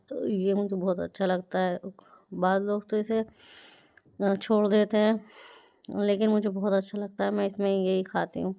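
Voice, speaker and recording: A woman talking through her morning in a casual, homely home vlog. She tends to fill her pauses with little filler phrases. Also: mid-range voice, creaky, mellow. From India. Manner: chatty, homely, fills pauses with "jo hai na". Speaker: vlogger.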